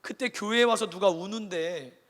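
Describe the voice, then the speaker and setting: A man preaching a sermon as pastor, animated, acting out the people in his story. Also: high-pitched, normal speed. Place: large church hall. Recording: long reverb of a church hall.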